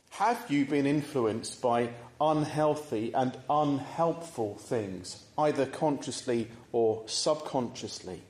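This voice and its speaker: A man delivers a sermon at an unhurried, deliberate pace. His middle-pitched voice rings out through a reverberant church, relaxed and conversational, as he invites his listeners to reflect. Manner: measured, conversational, posing reflective questions. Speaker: preacher. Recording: echoey church room.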